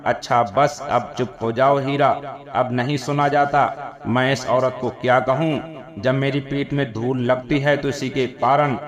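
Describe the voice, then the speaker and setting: A man's voice: medium pitch, fairly even intonation, measured pace, natural voice. A man reading as a weary exasperated farmer. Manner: exasperated, firm. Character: weary older village farmer, exasperated husband. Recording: dull lo-fi with crowd noise.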